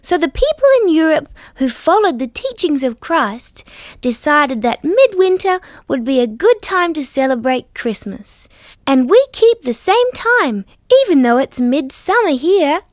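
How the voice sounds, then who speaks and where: A woman with an Australian accent voicing a friendly, gentle dinosaur who sweetly and patiently tells stories to small children in a children's show. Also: high-pitched, sing-song, measured pace, no echo, studio quality. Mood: gentle, cheerful. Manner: sweet, patient, carefully enunciated. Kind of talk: scripted storytelling for small children.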